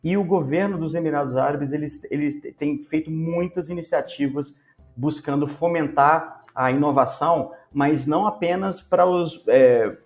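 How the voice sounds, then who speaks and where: A Brazilian man with a fairly high voice gives measured interview answers about his startup. He speaks with a Brazilian Portuguese accent. He hesitates often, restarting and repeating words as he finds his phrasing. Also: darkish tone. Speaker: startup co-founder, guest.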